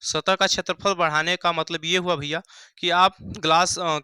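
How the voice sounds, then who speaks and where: A man's voice: fairly high pitch, flat delivery, moderate pace, pushed and bright, clear, resonant tone, dry recording. A young man teaching a Hindi science lesson at a board, who asks the class questions and answers them himself, repeating key phrases. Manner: repeats key phrases, calls students "bhaiya" and "mere bhai".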